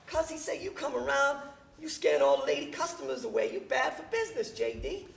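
An actor playing a streetwise homeless man nearing fifty in a stage play, with a gravelly, slangy, rambling delivery. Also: extremely high pitch, animated, fairly quick, exaggerated voice. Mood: scolding, firm. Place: theater stage. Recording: echoey theater stage, faint noise.

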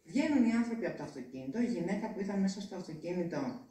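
A woman's voice: expressive, dark tone. Mother recounting ordeal, echoey and distant. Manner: tense retelling with shifting pitch and hesitations. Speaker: interviewed mother. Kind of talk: emotional recounting interview.

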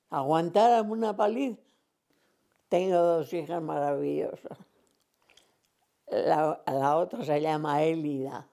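With a deep, mellow voice touched by vocal fry, a centenarian woman from Cantabria, Spain, reminisces at length in an oral history interview. She wanders through her memories and acts out conversations from the past.

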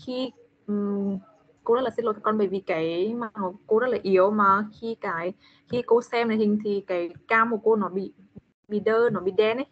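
A woman with a Vietnamese accent teaching English to a child in an online class, slowly repeating words for the child to copy. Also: mid-range voice. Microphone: video call. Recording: dull lo-fi call audio.

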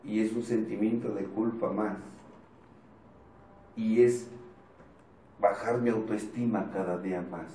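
A man's voice: fairly low pitch, fairly even intonation, a little slow, long pauses, mellow. A man with a Mexican accent giving an informal, joking motivational talk to a support group, speaking bluntly and swearing casually. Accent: Mexican Spanish. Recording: roomy, distant mic, faint noise.

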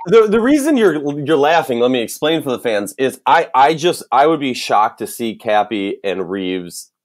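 On a casual sports podcast, a Minnesotan-accented co-host thinks aloud, full of restarts and fillers. His medium-pitched voice is very animated and moves at a normal speed.

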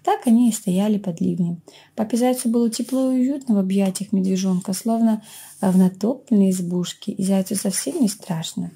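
Husky woman reading a children's story. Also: medium pitch, normal speed. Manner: expressive, gentle storytelling. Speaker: children's librarian reader. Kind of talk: storybook read-aloud.

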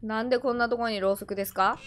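A young woman giving casual horror game commentary into a close mic, talking bluntly in rough slang. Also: a little high, fairly even intonation, very fast, slight background noise. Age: young adult. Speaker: gaming streamer.

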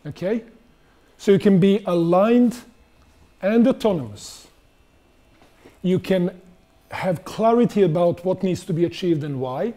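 A middle-aged man gives a conversational conference talk on stage in a large auditorium, putting questions to the audience. His voice is high and warm.

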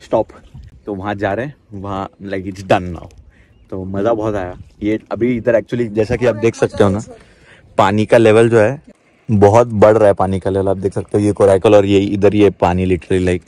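Speaking with a fairly low pitch at a moderate pace, a young travel vlogger records himself on a handheld camera by a river and inside a small round boat. He sounds excited and slips English words into his Hindi.

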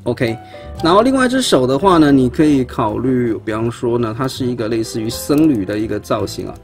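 A man's voice: medium pitch, animated, fairly quick, soft background music. A man, chatting casually while he shows step by step how a toy is put together, often stumbling and repeating words as he handles parts at an indoor tabletop. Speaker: toy reviewer. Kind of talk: casual unboxing demonstration.

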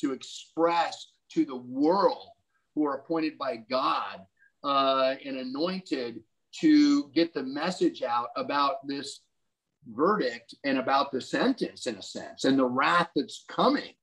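Speaking slowly in a mid-range, fairly bright voice, an older man co-hosts a casual Bible prophecy discussion on a video call from home. He thinks aloud in a musing way with frequent restarts, and his webcam audio is poor.

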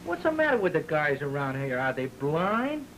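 A man's voice: fairly high pitch, big pitch swings, moderate pace, a bit bright, rough recording. An actor playing an easygoing, sweet-talking young working-class American man in an early talkie. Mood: admiring. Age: young adult. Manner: easygoing, slangy. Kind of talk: early talkie film acting. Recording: hissy old film soundtrack.

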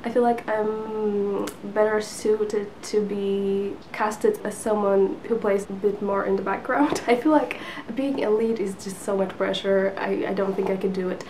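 Sitting on her lamp-lit living room couch indoors, a woman in her twenties whose first language is Polish talks to the camera in front of her for her book vlog, full of fillers and small laughs. She has a mid-range, darkish voice with fairly even intonation and a measured pace with few pauses. The recording is rough, with slight background noise.

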